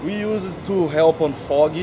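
Young Brazilian intern, slow deliberate talk, noisy greenhouse. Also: male voice, on the high side. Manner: simple, careful phrasing. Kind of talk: casual to-camera testimonial. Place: large greenhouse, indoors. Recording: loud ventilation noise behind.

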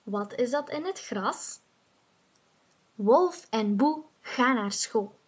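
Woman reading a children's story, very slow, clear, fairly high voice. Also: animated.

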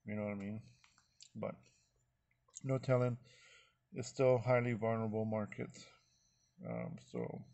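A man's voice: lowish voice, creaky, darkish tone, no room sound. Folksy rambling man, dry close sound. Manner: rambling, folksy, thanks viewers often. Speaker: vlogger. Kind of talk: casual screen-recorded walkthrough.

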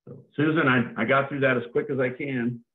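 A man's voice: medium pitch, fairly even intonation, brisk. A man presenting a webinar talk, conversational and repeating words as he goes. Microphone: remote call. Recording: tinny phone-like call audio.

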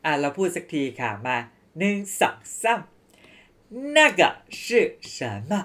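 A woman teaching a Chinese language lesson, saying phrases slowly and then fast, and pitching her voice up to model questions. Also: expressive.

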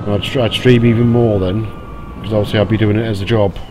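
A man's voice: on the low side, fast. A man streaming live, chatting casually and welcoming viewers by name as they join. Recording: steady background noise.

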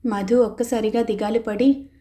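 A woman narrating a novel aloud in a steady storytelling manner. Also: on the high side, moderate pace. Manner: steady storytelling, voicing characters' lines. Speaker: audiobook narrator.

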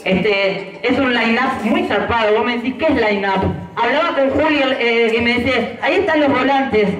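This clown host's voice is extremely high and fairly bright, and he talks at a normal speed. He's an Argentine man with a Rioplatense Spanish accent, joking with the crowd in campy, playful stand-up style during a nighttime variety show on an outdoor patio stage. A camera far away captures his handheld wireless mic, leaving the sound echoey.

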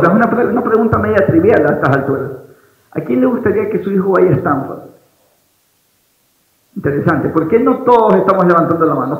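A young man with an Ecuadorian accent delivers a lively motivational keynote, pacing a big auditorium stage and throwing questions at the crowd. His voice sits fairly high for a man and rings through a roomy hall. The audio is dull and lo-fi. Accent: Ecuadorian Spanish. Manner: energetic, questions the audience, paces the stage. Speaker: motivational speaker. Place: large wood-paneled auditorium stage.

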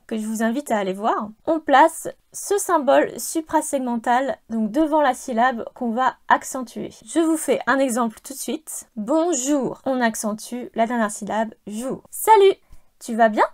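Woman, channel host, higher voice, clear measured explainer, stresses key words. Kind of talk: explanatory teaching talk.

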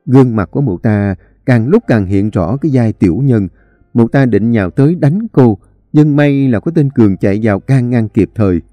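Guy reading a drama novel, warm mellow voice, faint music. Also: medium pitch, normal speed, no room sound. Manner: expressive, animated storytelling. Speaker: story reader.

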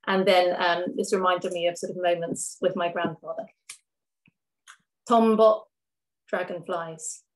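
A woman poet reads her own verse slowly and carefully, with a voice at an ordinary middle pitch. Between poems she slips into loose, chatty introductions with a few ums. The sound carries a noticeable room echo. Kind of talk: poetry reading. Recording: roomy echo.

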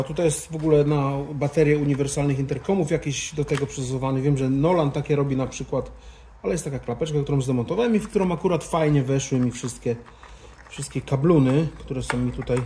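A mellow, medium-pitched man speaks briskly, casually talking through a hands-on tutorial and muttering to himself as he works. The speaker is a motorcycle vlogger. Recorded in an indoor garage-bar lounge, the sound is echoey and carries background noise.

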